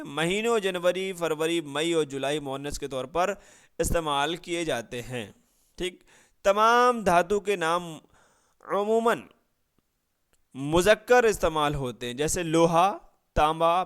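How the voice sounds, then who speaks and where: A man's voice: high voice, fairly bright tone, clean tone. A man giving an exam-prep grammar lesson, reading out word lists and checking in with his students after nearly every point. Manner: drills with constant "right?" check-ins and rhetorical questions; reads out word lists slowly. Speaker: Urdu grammar teacher.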